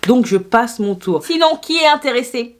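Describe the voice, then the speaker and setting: A woman's voice: fairly high pitch, lively intonation, moderate pace. A woman chatting through a makeup haul video, playful and self-mocking, talking straight to her viewers. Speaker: beauty YouTuber.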